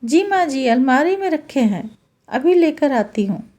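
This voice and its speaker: A dutiful, deferential young daughter-in-law, acted by a woman storyteller. She speaks politely in a high, mellow voice. Her delivery is slow. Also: sing-song.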